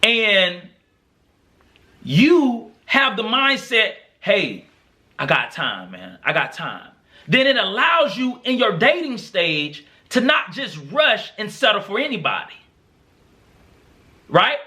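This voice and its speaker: A man's voice: high-pitched, huge pitch swings, slow pace, pauses often, pushed and bright. A young man speaking, hosting a podcast as a motivational monologue, earnest and encouraging with lots of repetition. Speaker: podcast host.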